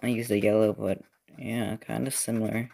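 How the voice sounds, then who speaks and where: With a TV football game playing in the background, a young man who makes robot-building videos chats casually while working on a build. He rambles, leaning heavily on fillers and correcting himself with restarts, in a lowish, gravelly, dark voice at normal speed with flat delivery.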